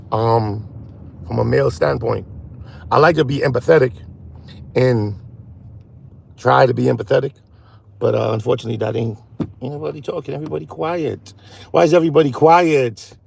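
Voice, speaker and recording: A man hosting a casual phone livestream while driving at night, rambling and halting as he talks to his chat. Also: medium pitch, gravelly, a little hiss or hum. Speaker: live stream host. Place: in a car at night.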